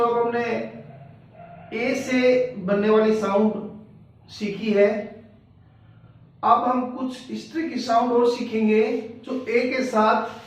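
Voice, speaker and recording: A male teacher giving a pronunciation lesson. He spells each word out letter by letter and then says it. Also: high-pitched. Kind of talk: Hindi-medium English pronunciation lesson. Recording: echoey room, distant mic, dull lo-fi.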